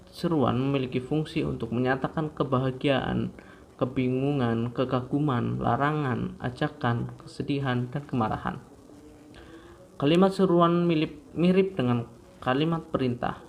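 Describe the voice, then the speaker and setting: A man's voice: medium pitch, vocal fry. A young man reads a grammar lesson aloud in a class presentation, in a plain mid-range voice. He reads steadily from notes, tripping over words and restarting them. A faint hiss of noise sits under the recording. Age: young adult. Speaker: student presenter.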